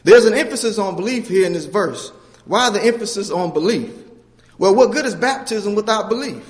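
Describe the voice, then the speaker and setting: A man's voice: sits high, expressive, fairly quick. A man preaching a sermon in a church, earnestly teaching scripture and asking the congregation questions. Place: church with a baptistry. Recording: long hall reverb.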